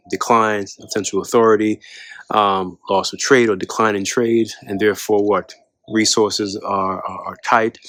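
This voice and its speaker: A man's voice: lowish voice, a bit bright, dry recording. A man hosting an educational channel, explaining history in a lecture style with frequent rhetorical questions and fillers.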